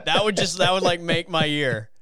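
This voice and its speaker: A man's voice: a little high, normal speed, pushed and bright, no room sound, clean studio sound. A young man hosting a sports podcast, easygoing and asking questions. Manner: easygoing, asks questions with short agreements. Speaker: podcast host. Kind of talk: casual podcast chat.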